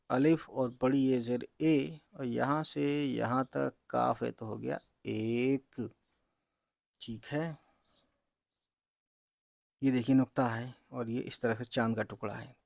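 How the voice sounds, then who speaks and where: Male reading teacher, gravelly and unhurried, dry close sound; sounds out each letter patiently. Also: mid-range voice, a little mellow, no room sound. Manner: spells out letters and vowel marks slowly, says "theek hai" often. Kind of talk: slow letter-by-letter reading lesson.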